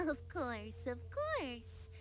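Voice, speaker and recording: Child fortune teller, goddess-like oracle voice, theatrical, video game, swooping intonation, unhurried. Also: female voice, sits high, huge pitch swings, full character voice. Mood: mystical, theatrical. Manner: grand goddess-like oracle speech, archaic and theatrical. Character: young girl fortune teller putting on a lofty oracle act. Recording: music playing behind the voice.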